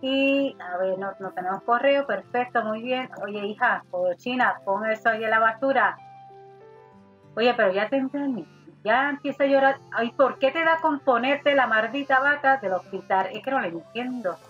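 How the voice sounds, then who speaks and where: A woman's voice: fairly high pitch, normal speed. A woman giving casual gameplay commentary, chatting to her character as "daughter" and swearing mildly. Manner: chatty, talks to her sim as "hija", mild swearing. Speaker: gaming youtuber. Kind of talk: casual let's play commentary. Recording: slightly dull audio with faint game music.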